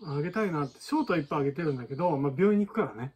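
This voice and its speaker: Man, husky voice, chatty balloon tutorial, laughs often. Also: fairly high pitch, lively intonation, rapid-fire, a little mellow. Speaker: balloon artist. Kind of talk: casual tutorial chat.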